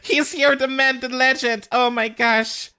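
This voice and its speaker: A woman's voice: high-pitched, fairly even intonation, unhurried, pushed and bright, clean tone. A woman chatting casually as host while she voice acts through a video game. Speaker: host of a game dubbing series.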